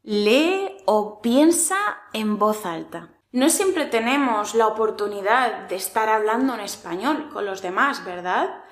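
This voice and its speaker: A woman with a Spanish accent from Spain, giving a language lesson in a clear, deliberate, coaching tone. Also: mid-range voice, lively intonation. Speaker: Spanish teacher. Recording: echoey room.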